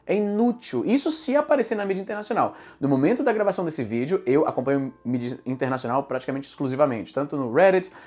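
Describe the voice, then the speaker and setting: A man's voice: on the high side, sing-song, fast, few pauses, a little mellow. A man with a Brazilian Portuguese accent giving a patient explanation of English usage, working through examples as a YouTube teacher. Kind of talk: explanatory commentary.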